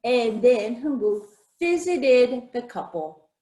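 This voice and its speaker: Warm, expressive and slow, a woman with a higher voice tells a folktale to children, speaking straight to them with questions and invitations to repeat phrases. The recording has a roomy echo.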